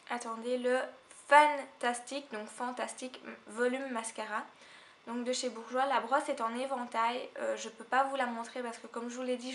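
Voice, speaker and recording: A woman's voice: on the high side, fairly bright tone, slight background noise. A woman with a Belgian French accent, chatting to camera about makeup in a casual, hesitant way, often trailing off and correcting herself. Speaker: beauty vlogger.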